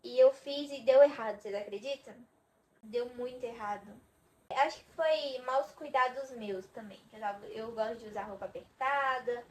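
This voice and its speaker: A young Brazilian woman vlogs to camera in a chatty, dramatic way, swearing to her viewers that every word is true. Her voice sits fairly high. A faint background hiss runs under the recording. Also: moderate pace, darkish tone, rough recording. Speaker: vlogger. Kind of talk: casual chat to camera.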